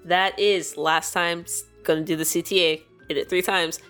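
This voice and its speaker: A woman's voice: on the low side, steady tone, normal speed, a bit bright, clear, resonant tone, faint music behind. A woman co-hosting a podcast, chatting playfully and reading an ad in a rambling way. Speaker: podcast co-host. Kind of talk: casual chat and ad read.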